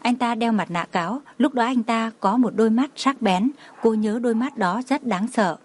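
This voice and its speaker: A woman narrating a romance novel as an audiobook, in a steady, even reading tone. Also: a little high, moderate pace.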